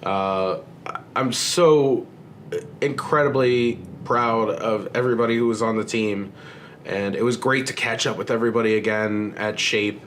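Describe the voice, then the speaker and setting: A man's voice: on the low side, steady tone, unhurried, a bit bright, slight background noise. A man talking casually in a vlog, with lots of fillers and restarts and the odd swear. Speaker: filmmaker vlogger. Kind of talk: casual chat.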